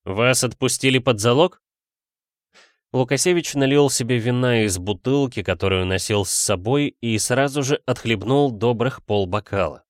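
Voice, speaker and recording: A man reading a story aloud as narrator in a measured, even way. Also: medium pitch, dry recording, clean studio sound. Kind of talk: audiobook narration.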